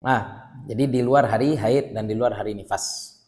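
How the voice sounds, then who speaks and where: A man leads a religious text study, his voice at an ordinary middle pitch. He reads Arabic lines aloud, translates them phrase by phrase and breaks off for casual remarks to his students. His voice rings with the long reverb of a large hall. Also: moderate pace, a little mellow. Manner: reads Arabic text then translates line by line, conversational asides. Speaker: Islamic teacher. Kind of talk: religious book study lecture.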